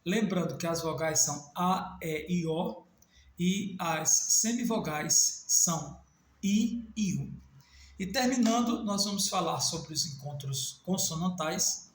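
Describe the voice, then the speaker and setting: The man teaching this Portuguese grammar video is from Northeast Brazil and has a Northeastern Brazilian accent. His voice is high-pitched and animated, recorded with a roomy sound, as he spells out letters slowly and makes small self-corrections.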